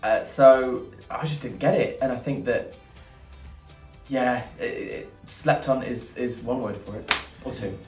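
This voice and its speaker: A man's voice: medium pitch, measured pace, darkish tone. A man with a sassy, bantering drag queen manner, chatting casually as he gives a review. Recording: echoey room, distant mic, music behind.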